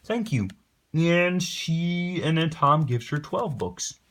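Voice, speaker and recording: Brief: man doing a wisecracking male frog puppet, higher voice, sassy and playful. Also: expressive, takes it slowly, a bit bright, full character voice. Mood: cheeky. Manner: sassy, joking, bargains and teases.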